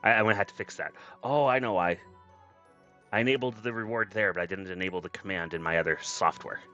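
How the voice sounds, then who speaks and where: Over background music, this deep-voiced VTuber talks fast and sharp on his livestream, gushing with gratitude and thanking viewers again and again in casual chat. The audio has its highs cut off.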